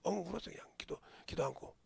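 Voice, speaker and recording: A middle-aged male pastor preaching a sermon in a church, dropping to whispers and bursting into shouts. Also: high-pitched, lively intonation, quick pace, gravelly, slightly rough, dry recording. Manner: swings from hushed whispers to sudden shouts. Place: church sanctuary.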